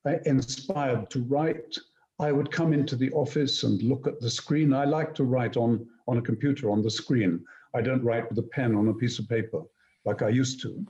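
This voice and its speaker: A man being interviewed, telling anecdotes in a deliberate, articulate and emphatic conversational way. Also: medium pitch, darkish tone. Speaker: interview guest, poet and screenwriter. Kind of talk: reflective conversational storytelling. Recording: slightly dull, roomy sound.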